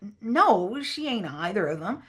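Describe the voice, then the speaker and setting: A woman's voice: medium pitch, very animated, unhurried, fairly bright tone. A woman reading aloud as a cocky boy who lectures his friend, in a raised, explaining voice. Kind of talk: reading aloud a novel dialogue.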